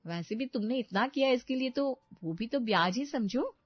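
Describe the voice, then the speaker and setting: A woman voicing a calculating young wife who weighs everything in money and speaks in a brisk, lecturing way. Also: a little high, expressive, no room sound. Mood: insistent. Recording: dry, dull lo-fi sound.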